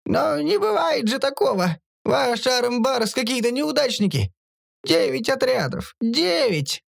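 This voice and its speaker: A man voicing a cowardly male mercenary tech who whines and panics in a high, whimpering voice. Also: big pitch swings, a little slow, gravelly, no echo, studio quality, exaggerated voice. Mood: whining panic. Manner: whimpering, hysterical, high-pitched.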